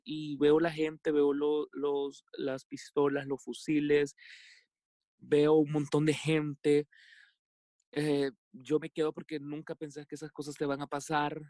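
A man from El Salvador with a Salvadoran accent, telling a personal story as a podcast guest in a halting way, with many fillers and restarts. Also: on the high side, flat delivery, a little mellow, no room sound, studio quality. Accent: Salvadoran Spanish.

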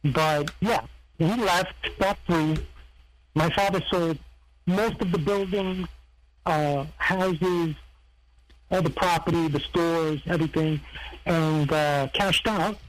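A man from Serbia who tells his story in a halting, rambling interview style, searching for words as he goes. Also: on the high side, low-quality recording. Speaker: guest, former heist crew member.

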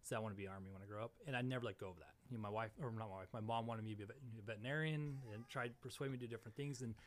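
A man's voice: medium pitch, racing. A man in his thirties from Missouri, chatting casually as a podcast guest with a dry, sarcastic humor and plenty of fillers. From Springfield, Missouri, USA. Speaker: podcast guest, real estate investor. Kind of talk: casual interview chat.

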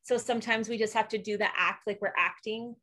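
A woman speaks at a mid-range pitch as a podcast guest, laying out her methods in an earnest, explanatory way. Her talk is loose and chatty, dotted with fillers as she thinks aloud. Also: fairly even intonation, brisk, bright, forceful tone. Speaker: guest, emotional wellness coach. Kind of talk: conversational podcast interview.

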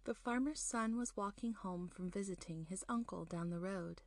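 A woman narrating a scripted spooky folktale as a storyteller, in a folksy, unhurried manner. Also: medium pitch. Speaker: storyteller, show host.

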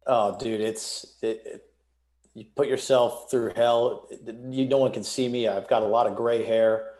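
A man's voice: mid-range voice, fairly even intonation, unhurried, darkish tone. A young man talking casually as a podcast guest on sports betting, with a big echo from an empty room. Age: young adult. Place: stripped-down home office, nearly empty room.

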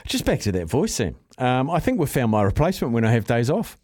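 A man's voice: medium pitch, wildly swooping pitch, fast, darkish tone, dry recording, studio quality. A man hosting a radio show with casual banter. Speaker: radio host.

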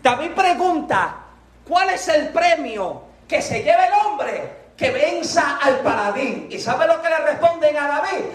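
A man preaching a sermon with a Puerto Rican accent, animated and acting out voices from the story. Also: very high voice, a little slow. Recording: echoey room from a distance.

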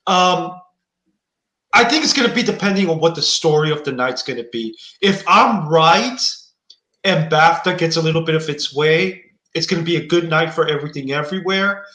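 A man's voice: a little high, expressive, normal speed, pushed and bright. A man hosting a casual chat about award predictions, thoughtful and hedging with frequent restarts. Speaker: podcast host. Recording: echoey room.

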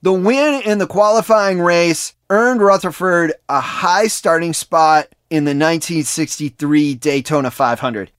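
Reading from a prepared script, a man with a somewhat high, fairly bright, smooth voice hosts a sports history podcast in a measured manner. The recording is dry and close, with no room sound.

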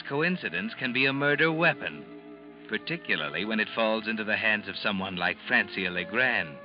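An actor playing a sinister, all-knowing night-walking narrator in a 1940s radio mystery, speaking slowly and ominously with theatrical weight. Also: male voice, fairly low pitch. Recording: dull vintage radio recording with music.

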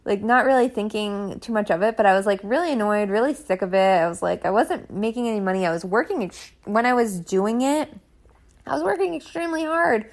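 A woman's voice: medium pitch, expressive, brisk, hardly any pauses. A young woman telling her own story in a casual, chatty way, filling it with "like" and frustrated asides.

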